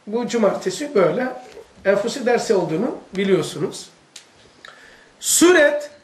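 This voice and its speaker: A man with a Turkish accent gives a religious lesson to a gathered audience, his voice sitting very high for a man. He talks in a loose, animated way and keeps checking in with his listeners. The room echoes around him. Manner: conversational, animated, addresses listeners directly with questions. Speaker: religious teacher.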